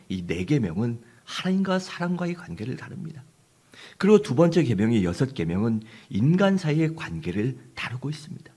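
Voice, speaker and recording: Husky, animated pastor preaching. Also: male voice, medium pitch. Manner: animated storyteller, acts out characters. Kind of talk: sermon with dramatized storytelling. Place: church.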